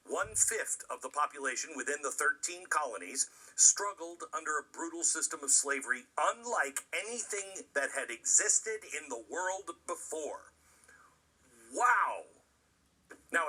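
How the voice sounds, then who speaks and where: An American man with a husky voice presenting opinionated commentary, emphatic and sarcastic, with dramatic pauses and rhetorical questions. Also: on the high side, bright, forceful tone, recorded from a distance, poor audio. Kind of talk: opinionated commentary to an audience, part scripted, part ad-libbed.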